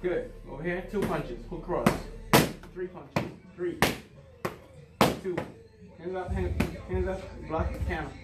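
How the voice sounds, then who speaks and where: A man's voice: high-pitched, takes it slowly, long pauses. Boxing coach, man barking punches on mitts. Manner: clipped, repetitive, encouraging commands amid physical exertion; calling out while taking punches on mitts. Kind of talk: calling pad-work drills in short commands. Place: large indoor boxing gym. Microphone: far camera. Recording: roomy gym, distant mic, loud music behind. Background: loud music, thuds of punches on mitts.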